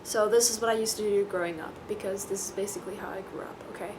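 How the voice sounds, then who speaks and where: Speaking fast in a fairly even, mid-range voice, this young adult vlogger from Taiwan chats to the camera with rambling, dry, self-mocking jokes. Background noise can be heard.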